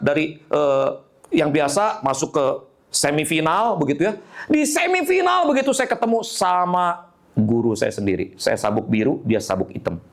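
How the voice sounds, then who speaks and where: A man, a pastor telling a humorous story in an animated sermon. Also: sits high.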